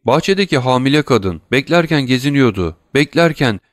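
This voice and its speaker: A man doing a frightened male steward, higher strained voice, loud exclamations, broken repeats, storybook reading. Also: brisk, no echo, clean studio sound, natural voice. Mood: alarmed. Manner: excited, exclaiming, broken repetitions.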